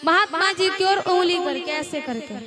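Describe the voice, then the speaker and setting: A young woman preacher telling a devotional story in a sermon, in a sing-song storytelling manner with dramatic pauses. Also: extremely high pitch. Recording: sitar music playing behind.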